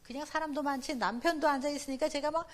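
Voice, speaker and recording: A middle-aged woman giving a parenting seminar talk at church. She swings between hushed asides and loud, emphatic exclamations, acts out dialogue and has the audience repeat phrases after her. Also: high-pitched, fairly even intonation, quick pace. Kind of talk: church family seminar talk with personal stories.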